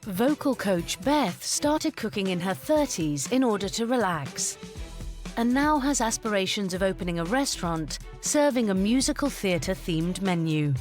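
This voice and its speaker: A woman's voice: mid-range voice, lively intonation, unhurried, darkish tone, soft background music. A woman with a British accent giving polished, scripted narration that introduces contestants. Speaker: show narrator.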